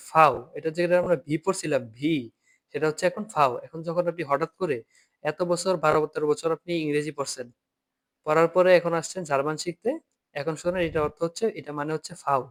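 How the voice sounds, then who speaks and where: Guy with a slightly high voice teaching german over a video call, repeats stuff a lot, patient. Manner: patient, repeats each point, asks students to read aloud. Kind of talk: online class lesson.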